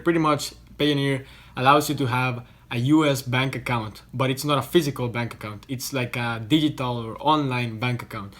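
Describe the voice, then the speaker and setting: Speaking to the camera from a hotel room, a young Costa Rican online business vlogger explains things loosely and chattily, with plenty of restarts and repeated words. His voice sits at an ordinary middle pitch and has a fairly bright tone.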